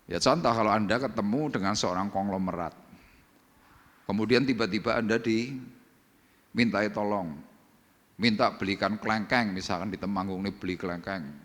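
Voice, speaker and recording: A man's voice: fairly low pitch, moderate pace, long pauses. A male pastor preaching a sermon, acting out little dialogues as he goes. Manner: animated, acts out little dialogues. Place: church hall. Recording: church hall reverb.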